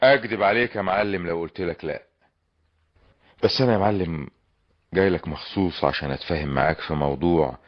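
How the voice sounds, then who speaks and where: An actor playing an earnest, pleading young suitor in an old radio comedy drama, with an Egyptian Arabic accent. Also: male voice, low voice, fast talker, pauses often. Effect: old lo-fi radio drama recording. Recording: dull lo-fi old radio recording.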